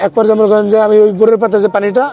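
A man's voice: high-pitched, completely flat delivery, racing, mellow. A man, an ambulance driver, telling his own experience in a casual, rambling way, often restarting his sentences. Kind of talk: casual first-person storytelling. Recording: faint background music.

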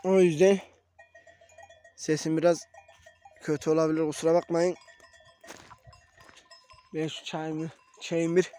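A young man with a voice hoarse from a cold, chatting casually to viewers from a mountain pasture. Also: sits high, warm tone. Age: young adult. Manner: talks to viewers as friends, calls to his animals. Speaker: shepherd vlogger. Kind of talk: casual vlog narration outdoors. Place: mountain pasture outdoors, wind.

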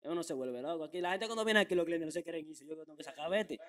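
Fast, high-pitched young Dominican man. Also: a bit bright. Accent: Dominican Spanish. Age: young adult. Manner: brash, slangy, repeats phrases for emphasis. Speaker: interview guest. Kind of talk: casual street-slang interview. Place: small furnished room indoors. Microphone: handheld microphone held out by interviewer.

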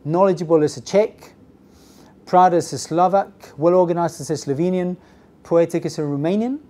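A middle-aged man giving a business English class lecture, lively and constantly checking in with the audience. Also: high voice. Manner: lively, asks the audience "okay? yes?" often. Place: classroom with projector screen. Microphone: lapel mic.

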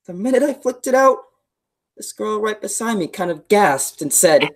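A woman's voice: mid-range voice, lively intonation, moderate pace. A woman playing a sensitive, thoughtful teenage greaser boy in a school play, with an earnest, reflective delivery. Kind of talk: school play read remotely.

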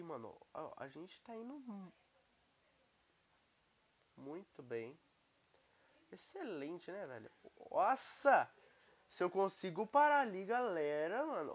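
A young man with a Brazilian Portuguese accent, commenting casually and excitably on his gameplay while he has a cold. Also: high-pitched. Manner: excitable, exclaiming at the screen. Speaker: gaming YouTuber.

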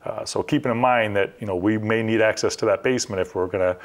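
A middle-aged man with a very low voice talks quickly and practically, walking through a job one step after another. He sounds like a studio interview guest, close to a clip-on mic. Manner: practical, step-by-step, conversational with fillers. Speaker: construction company owner, guest. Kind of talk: explanatory interview talk. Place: TV studio set.

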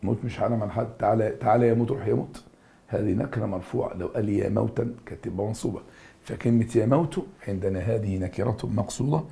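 A man's voice: lowish voice, fast, vocal fry, warm tone. A man with an Egyptian Arabic accent teaching a recorded grammar review lesson. He drills answers through emphatic repetition and addresses students familiarly.

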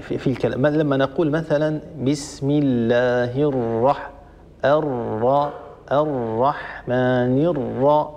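A man teaching Quran recitation rules, slowly repeating examples and restarting often. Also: medium pitch, vocal fry, darkish tone, a little hiss or hum. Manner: slow repetition of examples, many restarts. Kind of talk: explaining tajweed rules. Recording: dull lo-fi recording.

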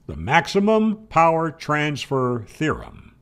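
An older man in his 60s or 70s hosts a ham radio video, lecturing to camera on technical matters and firmly answering his own questions. His rather high voice swoops wildly in pitch at a slow pace, with a smooth, fairly bright tone, recorded in a small home room on a close boom-arm studio mic.

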